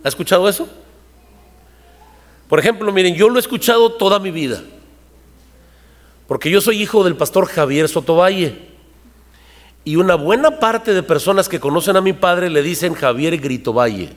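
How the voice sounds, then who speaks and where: A man's voice: high voice, animated, normal speed, long pauses, big-room sound. A man preaching a sermon to his congregation, talking conversationally and asking them rhetorical questions. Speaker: pastor. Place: church hall.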